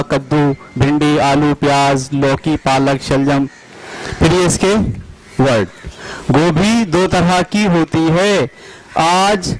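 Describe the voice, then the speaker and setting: A man's voice: on the high side, rough recording. A man training teachers, spelling words out letter by letter.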